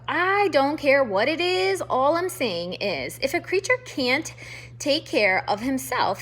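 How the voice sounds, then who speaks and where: Cranky old porcupine, read by a woman: loud, insulting, slightly husky. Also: fairly high pitch, exaggerated voice. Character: grumpy old male porcupine, gruff loner. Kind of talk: storybook read-aloud.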